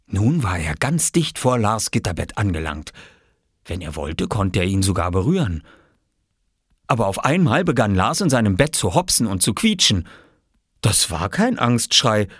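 A man narrating a children's story in an expressive storyteller's voice. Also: lowish voice, slightly rough, no echo, studio quality.

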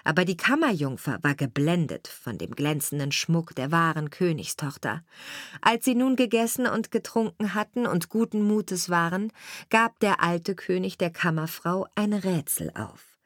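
A woman reading a fairy tale aloud in a calm, measured storytelling voice. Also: on the low side, no echo, studio quality. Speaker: narrator.

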